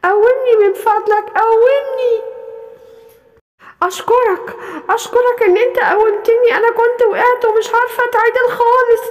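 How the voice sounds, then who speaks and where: A woman voicing an injured, helpless female goat with an Egyptian accent, who pleads in a slow, tearful way. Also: extremely high pitch, fairly even intonation, far from the mic. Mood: pleading. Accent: Egyptian Arabic. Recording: long hall reverb.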